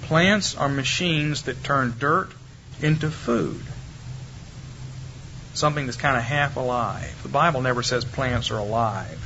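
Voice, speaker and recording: A man giving a Bible lecture to a live audience, emphatic and demonstrative, speeding up and slowing down and shifting loudness to make his points. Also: medium pitch. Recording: dull lo-fi archive recording with faint hiss.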